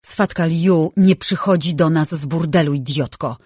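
A narrator voicing a cruel foster aunt who snarls and speaks through clenched teeth in an audiobook. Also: female voice, low voice, animated, a little slow, husky, no echo, studio quality, full character voice. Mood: cold. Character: cruel harsh foster aunt, snapping and cold.

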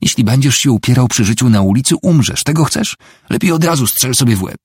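A man reading the part of a grieving, desperate wife who pleads and shouts at her husband. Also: lowish voice, animated, normal speed, vocal fry, slightly rough, dry recording, clean studio sound, full character voice. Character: desperate grieving wife, middle-aged woman.

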